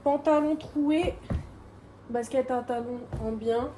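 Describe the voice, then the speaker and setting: A woman's voice: high-pitched, slow pace, far from the mic. Chatty young woman, roomy and off-mic. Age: young adult. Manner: chatty, rambling, self-mocking, slangy. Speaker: vlogger. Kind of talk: casual vlog chat. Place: home, getting ready. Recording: echoey room, voice off-mic, faint background noise.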